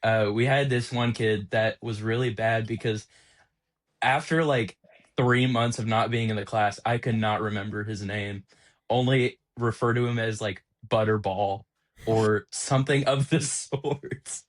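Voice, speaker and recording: A man's voice: fairly low pitch, fairly even intonation, a little slow. Young man telling a rambling story. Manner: rambling, heavy on filler "like". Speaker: podcast host. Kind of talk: casual storytelling.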